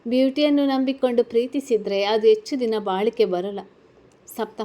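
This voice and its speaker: A woman's voice: fairly high pitch, steady tone, normal speed, dark tone, lightly acted. A woman voicing a tearful, guilt-ridden college girl. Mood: earnest. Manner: anxious, questioning, tearful. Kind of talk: storybook character reading.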